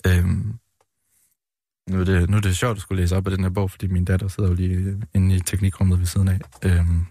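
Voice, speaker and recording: A middle-aged man, a poet guest, talking hesitantly in an interview and then reading his poems aloud in a calm, measured way. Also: low voice, dry recording.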